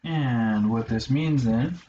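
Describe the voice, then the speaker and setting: A man's voice: medium pitch, takes it slowly, warm tone. A man teaching a college math lesson, talking himself through each step with fillers and dry asides. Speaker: math instructor. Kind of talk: lecture. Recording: roomy, slightly dull lo-fi sound with faint hiss.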